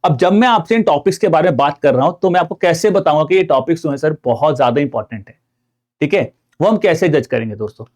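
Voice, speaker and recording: A man's voice: fairly high pitch, animated, fast, darkish tone. A man with an Indian accent giving an online exam-preparation lecture, explaining step by step and often calling his viewers friends while mixing in English terms. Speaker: exam prep teacher.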